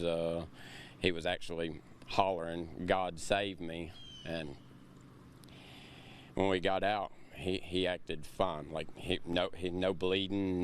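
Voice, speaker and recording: A man, a father, recounting what happened in a halting, shaken way in a news interview. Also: sits low, a little hiss or hum.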